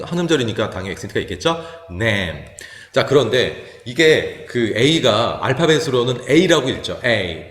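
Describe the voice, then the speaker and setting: A male teacher walks through a phonics lesson, explaining each rule patiently and drawing out English example words slowly. His voice sits on the lower side. The sound is roomy, with a long reverb trailing behind him. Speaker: high school English teacher. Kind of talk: phonics lecture. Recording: echoey hall with long reverb.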